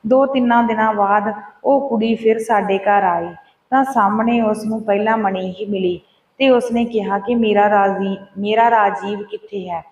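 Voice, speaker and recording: A woman's voice: mid-range voice, steady tone, moderate pace, a little mellow, highs cut off. A woman reading a first-person story aloud, speaking the quoted lines in her own plain voice. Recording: roomy echo, voice from a distance.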